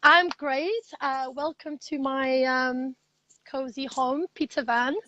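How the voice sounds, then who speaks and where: A woman guest talking over a video call from inside her camper van, lively and chatty. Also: high-pitched, slow pace, muffled recording, slight background noise. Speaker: interview guest, freedom coach. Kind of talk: casual chat.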